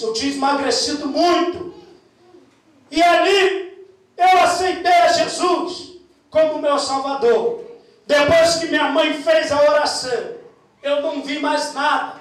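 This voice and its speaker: A Brazilian man with a Brazilian Portuguese accent, a deacon, shouting his testimony fervently to the congregation in a sermon. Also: very high voice, slight background noise. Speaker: deacon preaching. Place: large echoing church. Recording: echoey church hall, far from the mic.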